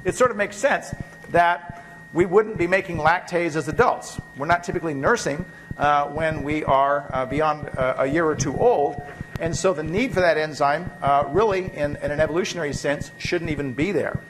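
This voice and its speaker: The audio is poor as a man with a voice on the high side, speaking at a moderate pace, delivers a biochemistry lecture in a university hall. He is catching a cold with occasional coughs, and his loose speech is studded with fillers and restarts.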